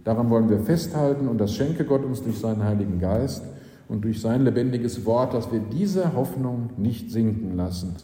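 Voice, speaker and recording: A man's voice: mid-range voice, lively intonation, normal speed, dark tone. A man preaching a sermon, explaining scripture and often asking rhetorical "nicht?" checks of his listeners. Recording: roomy hall with long reverb.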